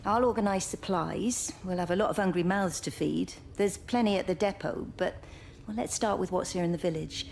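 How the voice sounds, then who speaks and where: Practical village woman, decisive, slightly low pitch, businesslike, game drama, faint background noise. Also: normal speed, gravelly, a little mellow. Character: brisk, practical village woman taking charge of a crisis. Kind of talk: video game drama acting.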